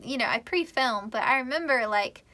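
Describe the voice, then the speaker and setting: A woman's voice: on the high side, lively intonation, normal speed, bright, forceful tone. A young woman giving a casual pick-a-card tarot reading, chatty and rambling, laughing often and using lots of fillers. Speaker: tarot reader.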